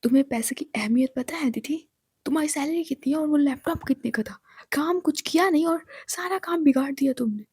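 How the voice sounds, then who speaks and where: A woman's voice: on the high side, steady tone, fairly quick, a little mellow, breathy edge, no echo, clean studio sound, voice pushed down. A woman voicing a stern, haughty young female boss who scolds coldly, in whispered role-play. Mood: scolding. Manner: cold, scolding, commanding.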